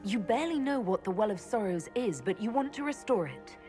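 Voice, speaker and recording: A woman's voice: mid-range voice, lively intonation, a little fast, warm tone, faint music behind, lightly acted. A woman playing a direct, composed elf mage leader in a fantasy game, plain-spoken and controlled. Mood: probing. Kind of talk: fantasy game dialogue acting. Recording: long hall reverb.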